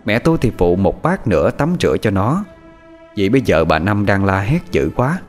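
A man telling a horror story in an expressive, dramatic narrating manner. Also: lowish voice, normal speed, soft background music.

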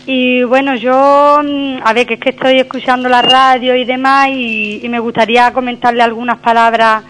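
High-voiced woman caller over the phone. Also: flat delivery, moderate pace, noisy background. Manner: hesitant, many fillers and restarts. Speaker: radio caller. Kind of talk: phone-in call to a local radio show.

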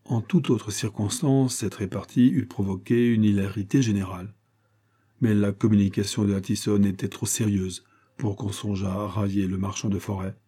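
A man's voice: fairly low pitch, normal speed, slightly rough. A man reading a classic novel aloud as an audiobook narrator, telling the story evenly and lifting his voice for the characters' lines. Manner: even storytelling, lifts voice for quoted speech. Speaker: audiobook reader.

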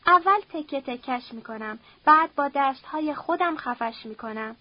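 A woman's voice: high-pitched, animated, no room sound, lo-fi sound. Brief: a woman putting on an enraged tyrannical patriarch, coarse and threatening; storybook reading. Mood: raging. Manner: shouting threats, harsh and coarse. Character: furious domineering patriarch, older man.

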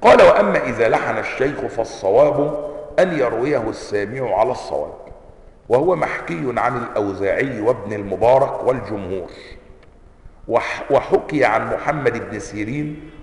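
A man with an Egyptian accent teaching a religious lesson in an animated way, often asking his students rhetorical questions. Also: medium pitch, brisk. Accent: Egyptian Arabic. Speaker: sheikh teaching hadith sciences. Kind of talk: classroom lecture. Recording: echoey hall reverb.

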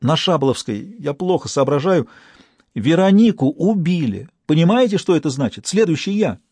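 A man voicing a terrified young bank clerk who talks in shrill, breathless pleas. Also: lively intonation, moderate pace, a little mellow, breathy edge, no room sound. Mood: panicked. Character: panicking frightened young male bank clerk.

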